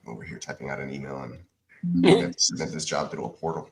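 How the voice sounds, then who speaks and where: Deep-voiced man in an echoey room. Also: quick pace, vocal fry. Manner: distracted, swearing, typing while talking. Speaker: podcast co-host. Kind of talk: casual chat. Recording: echoey room, faint noise.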